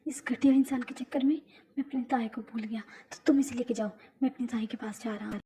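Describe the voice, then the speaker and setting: A woman's voice: on the high side, fairly even intonation, brisk, warm tone, a little hiss or hum, close to an everyday voice. A woman voicing a hot-tempered young male mafia boss in a fan audio drama, talking emotionally with repeated stammers. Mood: shaken.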